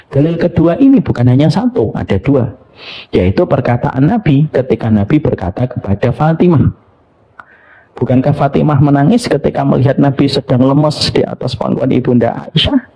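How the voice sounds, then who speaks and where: A middle-aged man preaching a lively sermon, asking his audience questions and dropping to soft near-whispers for tender moments. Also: medium pitch. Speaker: Islamic preacher. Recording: dull lo-fi lecture recording.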